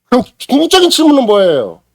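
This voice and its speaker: Middle-aged male preacher delivering a sermon, hugely expressive pitch, dramatic loud-to-hushed swings, dry close recording. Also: fast, no echo. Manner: preaches with sweeping swings between loud exclamation and hushed near-whisper; acts out quoted voices and prayers dramatically. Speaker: pastor. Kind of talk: Sunday morning sermon. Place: church sanctuary.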